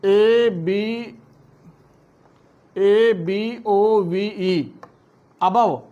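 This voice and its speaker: A man with a high voice teaches phonics at a very slow, deliberate pace. He spells each word letter by letter before saying it. The recording sounds dull and lo-fi. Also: warm tone. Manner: spells words letter by letter, then says them slowly. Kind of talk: phonics lesson.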